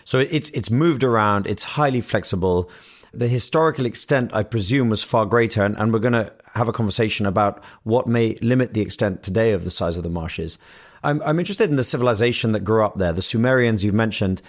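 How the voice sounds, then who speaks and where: A British man hosts a podcast interview politely and conversationally, with hesitant phrasing. His voice is lowish and brisk.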